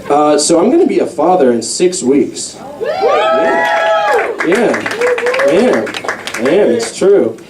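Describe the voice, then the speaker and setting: A young man doing a stand-up comedy set in a comedy club, animated and slipping into mock voices for the people in his jokes. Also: fairly high pitch, slow, over a noisy crowd, very noisy. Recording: roomy club sound from a distance.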